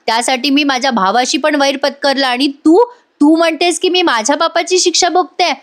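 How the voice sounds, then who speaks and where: A woman's voice: high voice, steady tone, brisk, voice pushed up, close to an everyday voice. A woman voicing a scheming middle-aged mother who pleads with her daughter and flares up at her. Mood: indignant. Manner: emotional, pleading.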